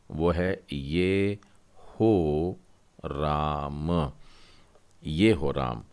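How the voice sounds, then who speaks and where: A man teaching a Hebrew lesson, explaining step by step and repeating each new term. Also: rumbling low. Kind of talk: classroom lesson.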